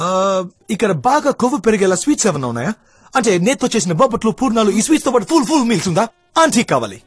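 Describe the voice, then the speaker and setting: A cocky young man needles his date with rude jokes, slipping English into his Telugu. He talks fast with a lively, swinging pitch and a slightly breathy tone. The sound is dry and close. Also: dry recording, soft background music, heavily acted. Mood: mocking. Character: brash, mocking young man on a blind date.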